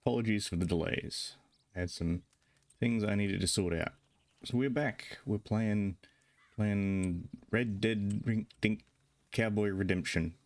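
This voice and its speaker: A man streaming a video game and chatting along in a jokey, casual way. His voice sits very low. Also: a little slow. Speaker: livestreamer. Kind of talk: casual gaming commentary.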